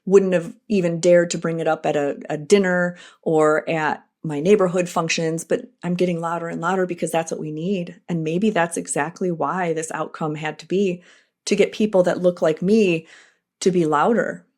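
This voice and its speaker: A middle-aged woman hosts her own podcast, delivering a personal, reflective monologue at a moderate pace in a voice on the low side. She's earnest and animated, with frequent asides.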